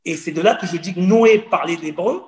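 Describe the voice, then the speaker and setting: A man's voice: high-pitched, fairly quick. A man in his forties from Cameroon, telling his personal story as a guest in an earnest, repetitive way. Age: 40s. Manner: earnest, storytelling, repeats phrases. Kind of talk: personal testimony in conversation. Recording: roomy echo.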